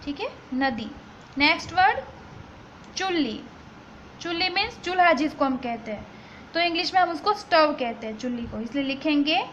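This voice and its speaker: A woman teaches a vocabulary lesson at an unhurried pace, spelling each word out letter by letter. Her voice sits high. The recording sounds a little dull, with faint noise underneath. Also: fairly bright tone. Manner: slow, patient, spells words letter by letter.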